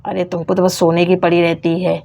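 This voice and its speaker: A woman voicing a young father who scolds and calms his wife in a doll story, in a lowered voice. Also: fairly quick, gravelly. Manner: scolding, soothing by turns. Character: calm, dismissive young father of the family. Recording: dull lo-fi sound.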